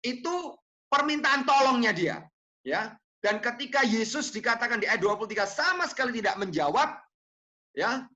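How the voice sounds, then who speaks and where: A preacher from Indonesia delivers a chatty sermon in a bright, forward voice. Phrases keep ending in a checking "ya", and quoted speech gets acted out with lively shifts. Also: medium pitch, moderate pace, lo-fi sound. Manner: conversational, tags phrases with "ya", addresses listeners as friends; acts out quotes with animated shifts.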